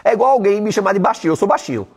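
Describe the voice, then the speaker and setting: A man's voice: high-pitched, big pitch swings, racing, vocal fry, a little mellow, breathy edge. A man giving a blunt, profane motivational talk on a live stream. He tells stories and mimics the people in them. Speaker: online weight-loss coach.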